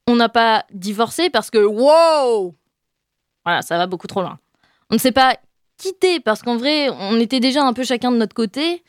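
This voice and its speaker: A young woman delivering a comic chronicle in a chatty, self-mocking way, full of quick asides to her listeners. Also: fairly high pitch, dry recording, studio quality. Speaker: radio columnist. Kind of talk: comic monologue column.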